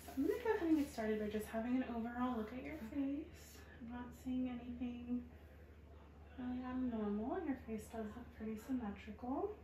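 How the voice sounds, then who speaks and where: A woman doing a soft-spoken ASMR role-play as a medical examiner, calm, reassuring and procedural. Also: a little high, fairly quick. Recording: roomy echo, faint background noise.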